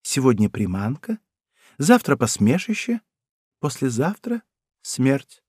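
Man doing young court lady, ironic, sing-song lively tone, dry sound. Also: slow pace, breathy edge, no room sound, heavily acted. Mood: mocking. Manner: ironic, chatty, raised pitch. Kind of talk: audiobook character voice.

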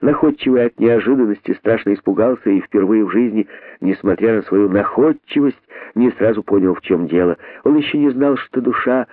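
A man narrating an audiobook in a lively storytelling manner. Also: lowish voice, no echo. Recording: narrow phone-like band, dry.

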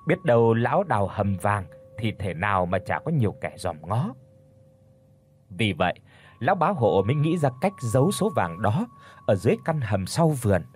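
Husky man telling a dramatic tale. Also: on the low side. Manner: expressive, dramatic. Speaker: storyteller. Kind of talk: dramatic storytelling narration.

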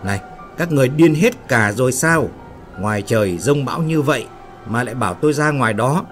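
A man playing a hot-tempered foreman who bullies and barks orders gruffly. The voice is loud and a touch higher than his narration, over faint background music. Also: animated, a little fast, lightly acted. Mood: angry. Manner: gruff and barking.

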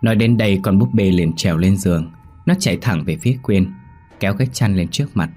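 Deep dark-voiced male horror narrator. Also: breathy edge, faint music behind. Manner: steady, measured storytelling.

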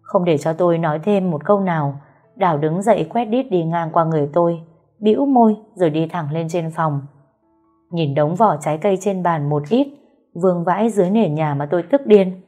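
A woman tells a first-person story in a calm, measured, sorrowful voice. Her voice sits low. Soft music runs faintly underneath. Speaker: narrator. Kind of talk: storytelling narration.

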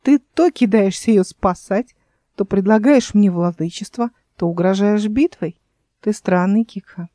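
A woman's voice: medium pitch, measured pace, mellow, no echo, studio quality, lightly acted. A woman voicing a scornful, scheming immortal young woman in a fantasy audiobook, in a mocking tone.

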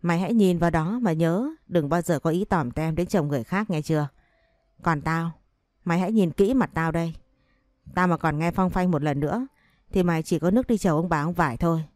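Picture a woman reading out a betrayed wife in a storybook, sharp-tongued and vengeful, hurling threats at her rival. The voice sits low and dark, with a dry close sound and no room around it. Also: brisk, dry recording, natural voice. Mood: furious. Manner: scolding, cursing, threatening.

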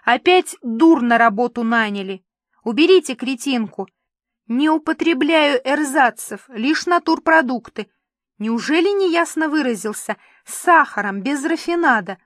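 A woman's voice: high-pitched, lively intonation, measured pace, a bit bright, no room sound, studio quality, pitched above the performer's own voice. A woman voicing a capricious, pampered male TV star who whines and complains fussily. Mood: whiny petulant. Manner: whiny, fussy, theatrical complaining.

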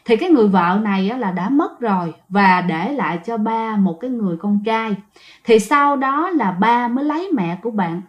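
A woman's voice: on the high side, lively intonation, moderate pace. A woman telling ghost stories in a chatty way, often speaking directly to her listeners. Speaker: ghost story narrator. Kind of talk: chatty ghost story storytelling. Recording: dull lo-fi recording.

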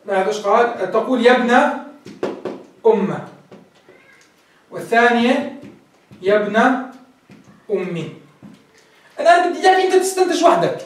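Male teacher, brisk classroom lecture, heard from far off in a very echoey room. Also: extremely high pitch, animated, slight background noise. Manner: explains step by step, quizzing students. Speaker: teacher of Arabic grammar.

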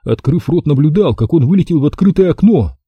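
A man narrating an audiobook in a lively, expressive storytelling manner. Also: fairly high pitch, a little fast, husky, no echo, lo-fi sound.

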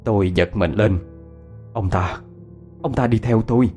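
A man narrating a scripted horror story in a dramatic, expressive way. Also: lowish voice, unhurried. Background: faint music.

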